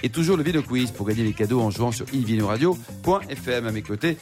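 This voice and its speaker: A man hosting a live radio talk show from a wine bar, quick and joking, cutting in with questions. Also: medium pitch, animated, darkish tone, faint music behind.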